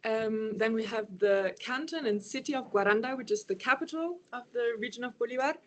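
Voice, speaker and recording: A woman's voice: fairly high pitch, a little fast, fairly bright tone, slight background noise. A woman, presenting a project over a video call, hesitant and full of ums and yeahs. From Germany. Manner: hesitant, many ums and yeahs, laughs lightly.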